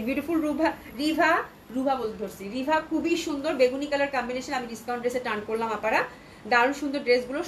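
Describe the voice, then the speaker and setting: A woman from Bangladesh runs a live clothing sale, talking quickly in a fairly high voice and reading out viewer comments as she goes. A cold has left her throat a little sore. A faint noise sits under the recording. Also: rough recording. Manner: chatty, reads out viewer comments. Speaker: online clothing seller. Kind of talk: live sales stream.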